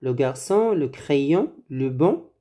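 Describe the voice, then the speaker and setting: A French teacher giving a slow, deliberate lesson, saying words one at a time and repeating them for learners. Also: medium pitch, expressive, warm tone.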